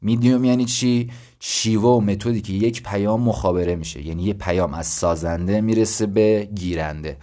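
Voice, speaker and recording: A young man from Iran talks through his ideas on his own podcast in a relaxed, conversational way. His voice sits low, and he explains step by step, thinking aloud and poking fun at himself now and then. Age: 20s. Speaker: podcast host. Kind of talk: casual solo podcast talk.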